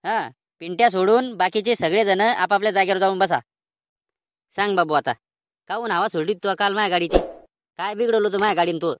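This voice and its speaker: A woman's voice: mid-range voice, brisk, pauses often, no echo, close to an everyday voice. A woman voicing a stern male village schoolteacher in a cartoon, with a Khandeshi Marathi accent and a scolding, threatening manner. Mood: interrogating. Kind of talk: cartoon voice acting. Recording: recording with audible background noise.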